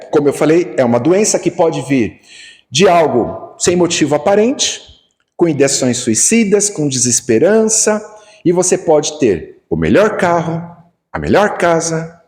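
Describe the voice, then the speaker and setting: A man with a Brazilian accent gives a Spiritist lecture. He tells personal stories in an animated way and acts out the dialogue. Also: a little high. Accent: Brazilian Portuguese. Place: Spiritist center lecture hall. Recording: long reverb of a lecture hall.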